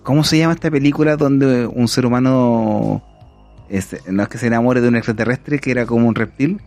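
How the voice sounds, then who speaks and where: A man's voice: medium pitch, brisk, darkish tone, faint music behind. A man with a Chilean accent hosting a casual podcast, an enthusiastic, rambling storyteller. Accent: Chilean Spanish. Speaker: podcast host.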